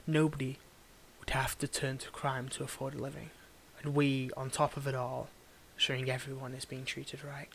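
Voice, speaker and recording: A man performs a domineering villain's scripted roleplay monologue in an intimate audio drama, addressing a single listener as if right up close, his voice a bit above the typical male range. Cold and condescending yet secretly fond, he is theatrical, swinging between ranting and hushed murmurs, with a little hiss or hum present.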